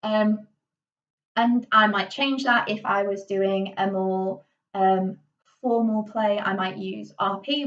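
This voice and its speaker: Heard through a muffled, distant recording, this drama teacher speaks in a fairly high-pitched voice with a Yorkshire accent; she's from Yorkshire, England. Her casual lesson is chatty, peppered with ums and small restarts.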